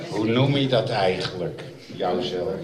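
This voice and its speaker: A man, a poet, reciting his poem in a slow half-sung chant at a crowded book launch, with live bass playing behind him. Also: reverberant, low-quality recording. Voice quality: slow, drawn-out chanting delivery.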